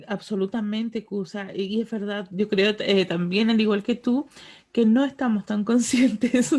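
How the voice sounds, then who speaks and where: A woman co-hosting a webinar on the speaking voice, talking in a relaxed, animated way and acting out short everyday exchanges, over a video call. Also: medium pitch. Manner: animated, acts out little quoted exchanges. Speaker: voice artist and webinar co-host.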